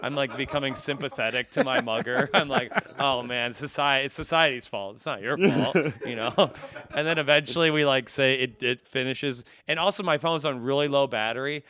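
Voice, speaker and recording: Speaking fairly quickly in a bright, forceful mid-range voice, a man on a podcast spins animated, self-deprecating comedic stories. The chat is casual and profane, and he laughs as he goes while acting out the dialogue.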